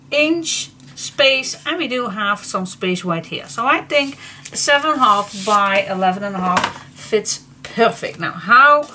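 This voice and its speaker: A woman's voice: mid-range voice, sharp tone, a little hiss or hum. A Dutch woman teaching a crafting tutorial in a chatty, giggly way, often correcting herself. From Netherlands.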